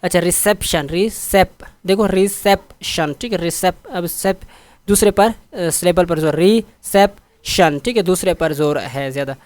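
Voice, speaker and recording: A man's voice: high-pitched, moderate pace, a little mellow, dry recording. A man explaining a textbook exercise in Urdu with English terms, patiently repeating words and checking that students follow. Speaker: teacher.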